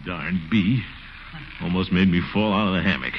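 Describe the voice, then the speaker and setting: A man playing a pompous, easily flustered bachelor uncle in 1940s radio comedy style, muttering to himself and squealing high when rattled, on a muffled, hissy old radio broadcast. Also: normal speed, lightly acted. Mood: drowsy musing. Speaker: radio sitcom lead.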